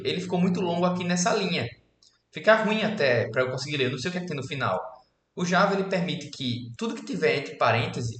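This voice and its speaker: A man in his twenties from Alagoas, Brazil, casually explaining code in a screen-recorded programming lesson and checking in often with his students. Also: a little high. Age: 20s. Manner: casual, relaxed explaining with frequent "beleza?" check-ins. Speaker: programming instructor. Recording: echoey room with faint keyboard typing.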